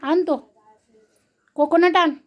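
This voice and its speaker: Woman, very high voice, unhurried, Marathi accent, coaxing baby talk with a toddler, repeats short phrases. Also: steady tone, dull audio. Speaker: parent talking to a toddler.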